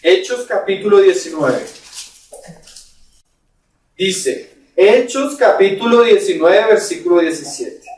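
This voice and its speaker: A man's voice: high-pitched, expressive, takes it slowly, pauses often, darkish tone, a little hiss or hum. A man preaching a sermon in an emphatic way, often checking in with the listeners through short rhetorical questions. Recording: very echoey room, mic far off.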